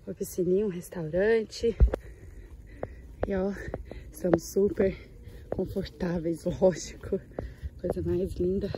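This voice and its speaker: A woman's voice: fairly even intonation, measured pace, long pauses, noisy background. A woman talking casually as a travel vlogger outdoors at a beach resort, speaking into a handheld camera and often chatting to her dog. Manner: chatty, talks to her dog in a high sweet voice. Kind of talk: casual travel vlog narration.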